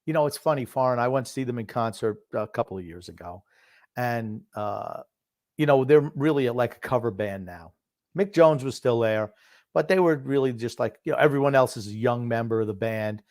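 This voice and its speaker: A man's voice: mid-range voice, a little fast, darkish tone, dry recording. Opinionated older man talking sports, dry close sound. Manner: reminiscing, repeats phrases for emphasis. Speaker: sports talk show host known as the grumpy old man. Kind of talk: casual opinionated sports commentary.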